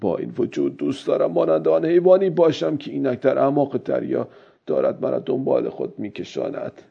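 A man's voice: mid-range voice, expressive, gravelly, breathy edge, voice pushed up, full character voice. A man voicing a weary, stubborn old male fisherman who talks to himself in a strained, pleading way, on a dull lo-fi recording. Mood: weary, musing.

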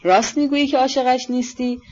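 A woman's voice: high voice, fairly even intonation, darkish tone, pitched above the performer's own voice. A woman doing a bossy older noble lady, snappy and scolding, audiobook voice, bit dull sound. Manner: scolding, demanding, blunt. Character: imperious older noblewoman, sharp-tongued and fierce. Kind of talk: audiobook reading.

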